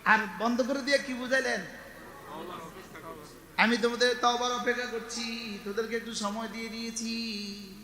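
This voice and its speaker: A man's voice: very high-pitched, flat delivery, moderate pace, long pauses, pushed and bright. A male preacher giving an Islamic sermon, chanting Arabic verses and calling out questions to the congregation. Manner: chanting Arabic verses, call-and-response with the crowd. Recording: echoey hall with long reverb.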